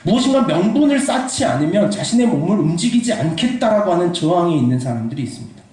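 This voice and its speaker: Male pastor, high and lively delivery, sermon, distant mic, very reverberant church hall. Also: quick pace. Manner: animated, playful storytelling with quoted voices. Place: church sanctuary.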